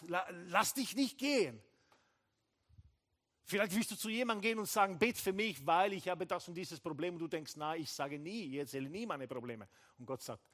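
Guy pastor preaching a sermon, kinda high voice, really animated, acts out little dialogues, throws in english bits. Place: church hall.

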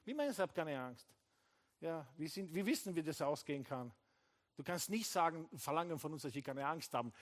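Speaking fairly quickly and with a fairly high pitch, a pastor delivers an animated sermon in a church hall. He plays out brief dialogues and sprinkles English phrases through his German.

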